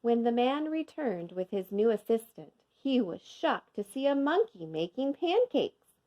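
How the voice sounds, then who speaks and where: A woman reading a children's storybook aloud as a teacher would, with expressive, measured storytelling for young children. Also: a little high, lo-fi sound. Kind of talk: scripted children's storybook narration.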